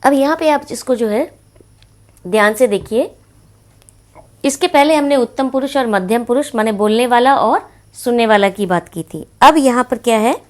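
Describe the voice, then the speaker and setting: A woman's voice: on the high side, normal speed, darkish tone. A woman teacher giving a grammar lesson to children, patiently explaining with many repeated examples. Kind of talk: classroom-style grammar lesson.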